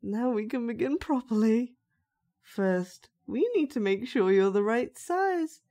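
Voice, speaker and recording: In a roleplay monologue, a woman plays a sinister dollmaker with magic powers, speaking softly to the listener in a coaxing, condescendingly gentle way. Her voice is on the high side, expressive and unhurried, and the mood is calmly menacing.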